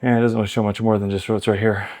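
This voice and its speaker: A man's voice: fairly low pitch, flat delivery, very fast, a little mellow. Casual workout host, man in his thirties, winded, rambling and chatty between bike cues. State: out of breath. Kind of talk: casual coaching while cycling. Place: home exercise bike.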